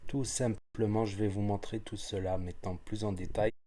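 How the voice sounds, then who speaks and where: A man's voice: lowish voice, flat delivery, normal speed, mellow. A man hosting a reaction video, talking into his phone in a rambling casual commentary with chuckling asides.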